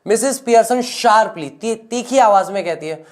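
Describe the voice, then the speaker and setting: A woman's voice: mid-range voice, animated, darkish tone. A woman, teaching English by reading a play's stage directions aloud and explaining each line in Hindi. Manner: reads English lines slowly, then paraphrases them in Hindi.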